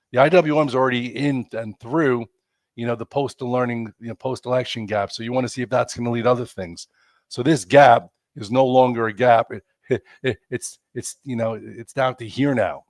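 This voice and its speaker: Recorded dry, a medium-pitched man sounds stuffed up and hoarse while hosting a chatty, meandering live stock market program full of filler words. His commentary on the markets is relaxed and casual.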